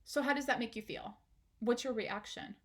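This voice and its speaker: A woman's voice: a little high, moderate pace. A woman, a parenting educator, giving an instructional talk straight to the viewer, asking questions and encouraging them.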